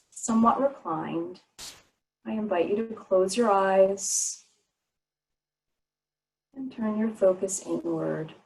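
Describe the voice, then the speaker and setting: A medium-pitched woman's voice gives gentle, unhurried yoga nidra meditation instructions, pausing between phrases. The recording is rough.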